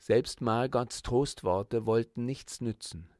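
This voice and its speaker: Slow, measured male audiobook narrator. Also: medium pitch, dry recording, clean studio sound. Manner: calm, measured reading. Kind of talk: storybook reading.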